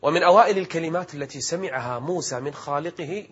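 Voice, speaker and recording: A man preaching in formal standard Arabic as a programme presenter, with an emphatic, rhetorical delivery and a husky voice. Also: fairly high pitch, fast. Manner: formal classical Arabic diction. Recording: dull, muffled lo-fi audio.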